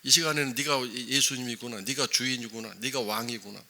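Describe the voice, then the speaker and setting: A man's voice: medium pitch, steady tone, brisk, bright, forceful tone. A man voicing a stern male teacher who rebukes a follower in a raised voice. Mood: rebuking.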